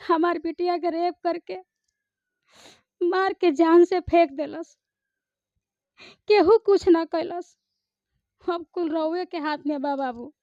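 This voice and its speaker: A woman acting out a grieving mother who pleads loudly with a man for justice in a film dialogue. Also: very high-pitched, slow pace, long pauses, no room sound, voice pushed up, heavily acted. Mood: pleading. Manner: pleading, raised and loud delivery. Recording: slightly muffled recording.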